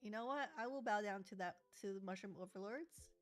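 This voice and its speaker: A woman's voice: mid-range voice, brisk, soft background music. A young woman chatting casually and playfully while she crafts in her journal, joking and giggling as she talks to viewers. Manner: playful, giggly, sings snatches of songs.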